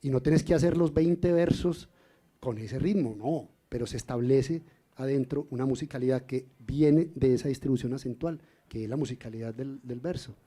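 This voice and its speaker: Man, husky, explains poetry and rhythm, café talk. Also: medium pitch, normal speed, dark tone. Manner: explanatory, chants rhythm syllables. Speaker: singer and poet, guest. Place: café event in Cali.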